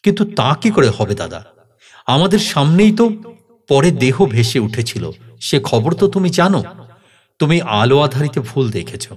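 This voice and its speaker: A man's voice: medium pitch, sing-song, normal speed, slightly rough. Storybook role: a doubting, worried younger landowner, raised and urgent, read by a male narrator. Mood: incredulous.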